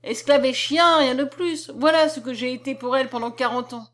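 A huge, drunken old captain, as a woman reader puts him on, roaring his scorn and then pleading. The voice sits higher than a man's, pushed up loud and blustering. It is a storybook reading. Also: a little slow.

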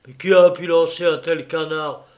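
A man voicing an older, furious, blustering millionaire who shouts threats and insults in a storybook reading. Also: on the high side, fairly even intonation, normal speed, natural voice.

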